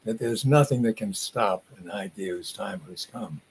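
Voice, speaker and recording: Older man from New York, interview guest, measured and reflective. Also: fairly low pitch, a little hiss or hum. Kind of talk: casual interview talk.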